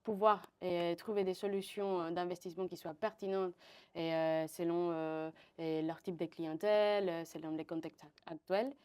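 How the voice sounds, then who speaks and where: A woman's voice: lowish voice, fairly even intonation, moderate pace, darkish tone, clean tone. A woman in her twenties from Venezuela, answering interview questions with many fillers and restarts. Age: 20s. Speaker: partnership manager, guest.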